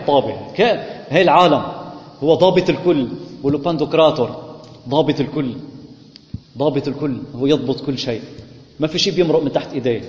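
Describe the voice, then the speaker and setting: Male preacher, high voice, muffled lo-fi recording in a roomy hall. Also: a little mellow. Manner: asks the congregation questions and answers them himself. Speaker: priest teaching scripture. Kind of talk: Bible study sermon. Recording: echoey hall, muffled lo-fi sound.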